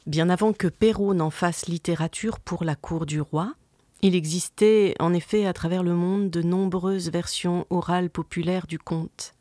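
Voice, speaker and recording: A narrator giving a measured, scripted explanation in documentary style. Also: medium pitch, steady tone, dark tone, no room sound, studio quality.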